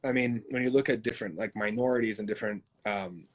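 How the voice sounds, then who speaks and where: Husky, animated man hosting a talk. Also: fairly low pitch, quick pace. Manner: animated, lots of fillers like "like". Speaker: host. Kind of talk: conversational interview.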